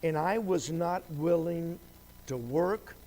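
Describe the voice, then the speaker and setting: A man teaching a Sunday Bible lesson in a slow, conversational preaching style, with dry sarcastic asides. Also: fairly high pitch, mellow, low-quality recording.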